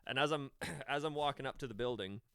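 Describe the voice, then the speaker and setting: A man's voice: mid-range voice, fast talker, smooth, no room sound, clean studio sound. A young man co-hosting a podcast, telling a story in casual, profane chat and acting out quotes. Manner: animated, profane, acts out quotes. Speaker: podcast co-host.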